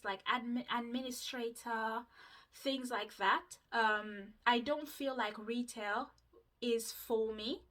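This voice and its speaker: A Mauritian woman in her twenties, a vlogger whose first language is Mauritian Creole, chats casually with her viewers while doing her skincare. Her voice sits on the high side with a sharp tone, and she uses plenty of fillers and asides.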